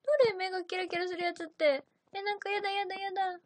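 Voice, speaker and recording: A woman's voice: very high voice, level tone, quick pace. A young woman chatting casually on a livestream, reading out viewer comments and giggling often. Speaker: idol livestream host.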